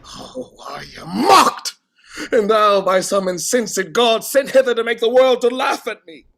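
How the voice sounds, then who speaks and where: An actor playing an anguished, long-suffering king in classical verse, with a theatrical, halting delivery that swings between hush and outcry. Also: extremely high pitch, creaky, heavily acted. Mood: anguished disbelief. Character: grief-worn, long-suffering king, anguished, hoping and doubting. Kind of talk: classical verse stage acting.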